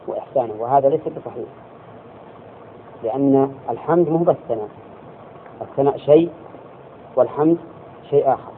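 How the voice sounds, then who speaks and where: A male religious teacher giving a classroom lesson, explaining slowly and checking his students with quick questions. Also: mid-range voice. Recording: tinny lo-fi lecture recording with faint hiss.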